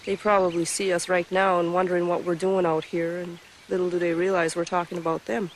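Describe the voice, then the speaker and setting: Being interviewed alongside her mother, a daughter in her thirties shares a childhood memory in a relaxed, chatty way, laughing lightly. She speaks briskly and flatly in a fairly low voice, with slight background noise.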